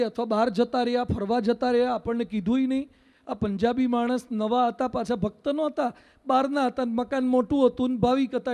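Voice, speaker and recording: High-voiced man telling a story in a hall. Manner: animated storyteller, acts out voices and shouts. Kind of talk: storytelling sermon.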